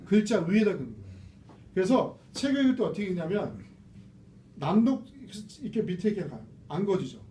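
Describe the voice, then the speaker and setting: Male reading instructor, high lively voice, mellow tone, casual lecture in a roomy room caught from a distance. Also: brisk. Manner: chatty, asks the class rhetorical questions. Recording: roomy, distant mic with faint noise.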